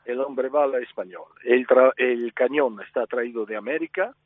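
A Spanish man raised in Italy, speaking with an Italian accent as a circus manager interviewed by phone, halting and repeating words. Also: medium pitch, dry recording. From Spain, raised in Italy. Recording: dry tinny phone line.

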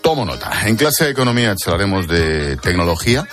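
Casting: male radio host, Spain accent, low voice, casual banter over prominent music. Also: big pitch swings, brisk. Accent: Spanish, from Spain. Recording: loud music behind.

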